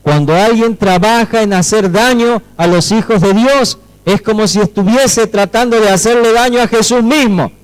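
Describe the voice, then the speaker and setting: A man's voice: sits high, normal speed, few pauses, smooth, low-quality recording. A male pastor with a Rioplatense Spanish accent, preaching emphatically and often asking the congregation whether they follow. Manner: emphatic, checks in with listeners through questions; acts out quoted dialogue with shifting voices. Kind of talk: sermon.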